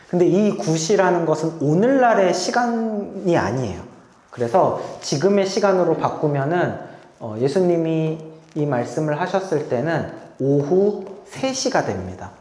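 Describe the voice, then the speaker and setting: A pastor delivers a Sunday sermon in a storytelling way, often inviting the congregation to read along. The pitch rises and falls with lively expression. The voice rings back from the walls of a large church hall with a long echo. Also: measured pace. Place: church sanctuary. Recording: echoey hall with long reverb.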